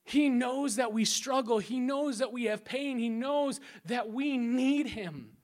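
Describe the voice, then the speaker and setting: Lively preacher man acting out scripture. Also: very high voice, measured pace. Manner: lively preaching that drops to a hushed, prayerful tone in quoted prayers; acts out scripture scenes and crowd voices with playful sound effects. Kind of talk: sermon.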